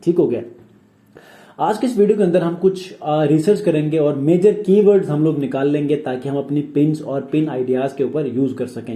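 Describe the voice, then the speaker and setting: A man's voice: on the high side, mellow. Man explaining a tutorial in an echoey room. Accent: Pakistani Urdu. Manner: explanatory, repeats "theek hai" checks. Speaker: tutorial instructor. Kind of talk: screen-recorded software tutorial.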